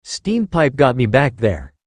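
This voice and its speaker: A man's voice: medium pitch, wildly swooping pitch, slow, no echo, exaggerated voice. A man reading the lines of a brash, sarcastic female inventor in a fan-fiction story, in a clipped manner. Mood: sardonic.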